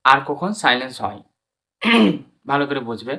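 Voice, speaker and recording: A man with a Bengali accent teaching an English pronunciation lesson, spelling out words letter by letter and repeating them slowly. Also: mid-range voice, sing-song, creaky, bright, forceful tone.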